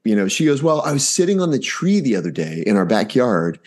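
A man's voice: mid-range voice, big pitch swings, brisk, darkish tone. A man in his forties, a podcast guest, telling a family story casually and animatedly, acting out the dialogue.

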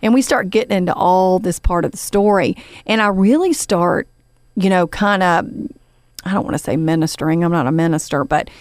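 A woman's voice: fairly low pitch, normal speed, no echo. Chatty woman podcast host, dry close sound. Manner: chatty and warm, many fillers, addresses the guest as honey. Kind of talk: casual podcast storytelling.

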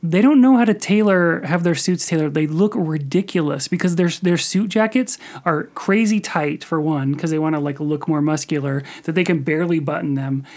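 A man co-hosting a podcast in casual chat about films, talking in a rambling, animated way with lots of restarts. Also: fairly high pitch, normal speed, few pauses. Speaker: podcast co-host.

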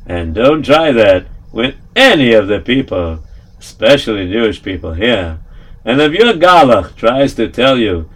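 A storyteller doing a shrewd old rabbi, calm and deliberate in a steady, mid-pitched voice that sounds like the teller's own. he drops Yiddish words here and there and takes his time. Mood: stern.

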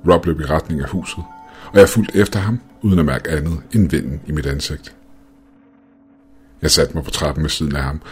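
A man narrating a first-person ghost story in a calm, measured reading. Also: very deep voice. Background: faint music.

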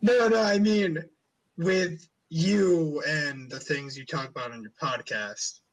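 A man's voice: a little high, slow, low-quality recording. A man hosting a podcast in casual chat, rambling and swearing a lot. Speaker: podcast host.

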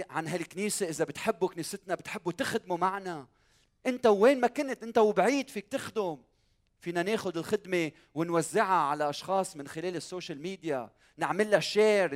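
A male pastor with a Lebanese Arabic accent delivers a church sermon in a fairly high-pitched voice. He speaks emphatically, repeats key phrases for weight and puts rhetorical questions straight to his listeners.

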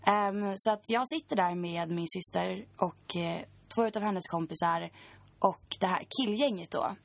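A woman's voice: on the low side, gravelly, dry recording. A woman in her twenties, a podcast guest, recounting a personal story in a chatty way full of fillers.

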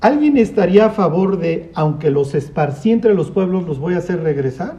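High-voiced man teaching Scripture. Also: moderate pace, lo-fi sound. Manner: lively, asks rhetorical questions, acts out voices. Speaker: Bible teacher. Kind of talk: conversational Bible study teaching.

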